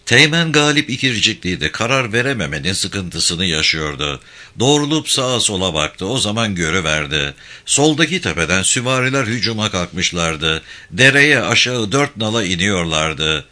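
A man reading a war story aloud as narrator, in steady, dramatic scripted narration. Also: sits low, moderate pace.

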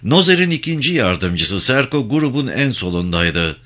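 A man's voice: medium pitch, very animated, unhurried, a bit bright. A man narrating a novel in a dramatic storytelling manner. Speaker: audiobook narrator.

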